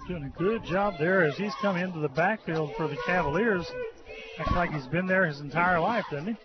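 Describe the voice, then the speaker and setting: A man calling a high school football game and reading station promos in a dense, steady announcer delivery, heard through a muffled radio broadcast from a press box. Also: moderate pace, loud music behind the voice. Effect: muffled lo-fi radio broadcast sound.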